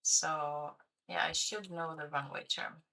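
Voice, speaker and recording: Slow and gravelly, this Swedish-native woman streamer sits low with fairly even intonation and a pushed, bright sound, captured on a rough recording. She chats casually while playing, thinking aloud, hesitating and using fillers.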